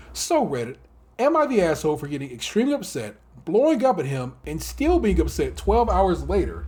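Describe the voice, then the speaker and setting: A man co-hosting a casual podcast, talking in an animated way, laughing often and swearing freely. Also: a little high, husky. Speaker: podcast co-host.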